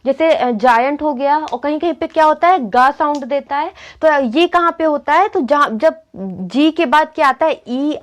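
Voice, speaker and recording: A young woman teaching spelling rules in a lesson, often asking a question and then answering it herself. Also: sits high. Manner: asks and answers her own questions. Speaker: English teacher. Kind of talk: classroom-style spelling lesson.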